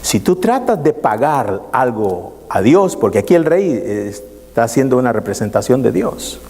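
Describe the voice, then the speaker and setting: A man's voice: medium pitch, sing-song, a little mellow. Preaching man in a reverberant church. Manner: preaching with many pauses and repeated "hermano". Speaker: pastor. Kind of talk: sermon.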